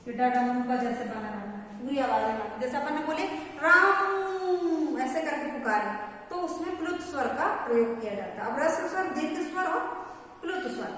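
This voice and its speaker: A woman's voice: a little high, lively intonation, fairly quick. A woman teaching a grammar lesson to a class, often stopping to ask whether everyone has understood. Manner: checks understanding with repeated questions. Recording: echoey room, mic far off, faint noise.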